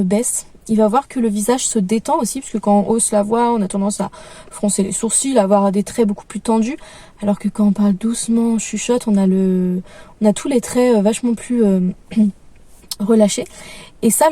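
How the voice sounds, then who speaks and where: Woman, young adult, calm, gentle, hesitant, mellow tone, dry sound, mic a bit distant. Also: fairly high pitch, no room sound. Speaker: parenting vlogger. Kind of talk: casual advice talk.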